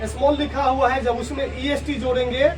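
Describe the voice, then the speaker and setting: Picked up from a distance in a school classroom with clear background noise, a male teacher speaks a little fast in a very high, flat voice. Teaching grammar, he explains step by step, asks questions and answers them himself, and spells words out one letter at a time.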